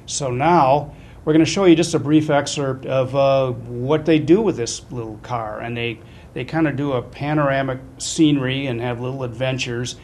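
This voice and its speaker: A man's voice: steady tone, normal speed, a little mellow. A middle-aged or older man hosting a casual webcast with chatty, wry, self-deprecating commentary. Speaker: webcast host. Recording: noticeable low rumbling background noise.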